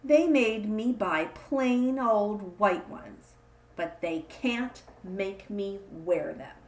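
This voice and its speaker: A woman reading a children's picture book aloud, with expressive emphasis on the repeated refrain. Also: mid-range voice, extremely slow, echoey room. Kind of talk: read-aloud storytelling for kids.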